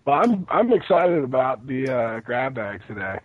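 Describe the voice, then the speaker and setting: A man's voice: medium pitch, sing-song, normal speed, slightly rough. A sick man on a podcast talking casually and loosely, swearing and joking, his voice sounding hollow and muffled, as if he were inside a barrel. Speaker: podcast co-host. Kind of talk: casual chat.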